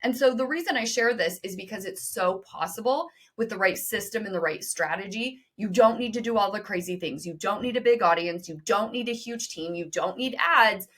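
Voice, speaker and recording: A woman guest on a podcast interview, talking emphatically and directly to listeners, with quick bursts of speech. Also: medium pitch, fairly bright tone. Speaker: podcast guest, business co-founder. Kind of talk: energetic interview talk.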